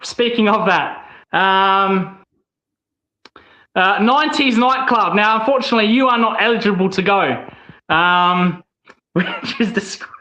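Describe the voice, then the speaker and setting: A man's voice: high voice, measured pace, bright, forceful tone. A man co-hosting a casual sports podcast, crude and rambling, often mocking himself. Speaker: co-host. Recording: muffled echoey home mic.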